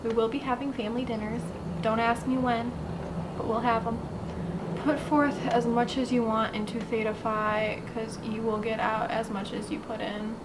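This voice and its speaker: High-voiced young woman, halting and informal. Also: level tone. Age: young adult. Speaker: sorority big sister. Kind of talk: casual message with advice. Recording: clear background noise.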